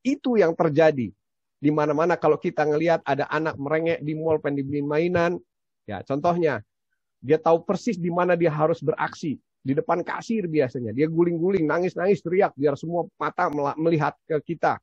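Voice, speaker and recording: A man who teaches parenting, giving advice in a casual, animated way and acting out what he says to his own child. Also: fairly high pitch, fairly quick, breathy edge, no echo. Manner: animated storyteller, acts out his own stern lines to his child. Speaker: parenting educator answering a question. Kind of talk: conversational advice talk. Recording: dull, lo-fi sound.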